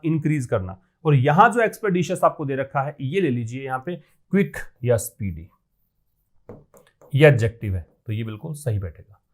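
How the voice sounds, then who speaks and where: A man teaching English vocabulary in Hindi, asking questions and answering them himself, reading English phrases slowly. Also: fairly high pitch. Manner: asks questions and answers them himself, repeats key words; mixes Hindi with English terms. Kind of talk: explaining a newspaper editorial in class.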